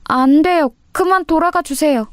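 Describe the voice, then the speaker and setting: A woman's voice: sits high, moderate pace, no echo, clean studio sound, voice pushed up, natural voice. A woman voicing a frightened teenage schoolgirl who pleads timidly, in an audio story. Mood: timid pleading.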